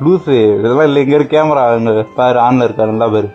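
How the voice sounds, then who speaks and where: A man's voice: medium pitch, quick pace, lo-fi sound, music in the background. A man chatting casually with a friend, first teasing her, then apologizing and coaxing her. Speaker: prank vlogger. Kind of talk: casual prank chat.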